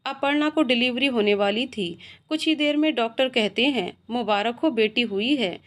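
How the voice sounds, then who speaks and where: A woman's voice: on the high side, moderate pace. A woman reading an emotional romantic story aloud, narrating and voicing every character herself.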